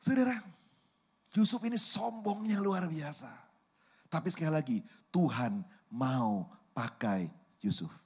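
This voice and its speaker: Pastor guy preaching in church, husky and a bit high voice, storytelling sermon. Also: lively intonation, measured pace, long pauses, a little mellow. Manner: storytelling, addresses the congregation as "saudara".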